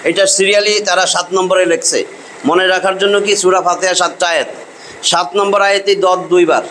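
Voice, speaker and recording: Middle-aged teacher, higher-pitched voice, patient repetitive drilling of pronunciation. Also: male voice, fairly even intonation, a bit bright, slight background noise, low-quality recording. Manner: drills sounds by slow repetition. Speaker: Quran recitation teacher. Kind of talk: classroom pronunciation lesson.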